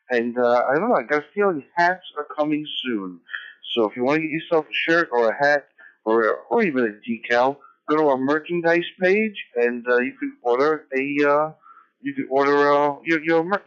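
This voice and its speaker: A man's voice: on the high side, fairly bright tone, clean tone. A man who is a ham radio net operator, making casual, rambling announcements full of fillers, heard over a radio transmission. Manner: rambling, with many fillers and restarts. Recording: dull, muffled radio audio.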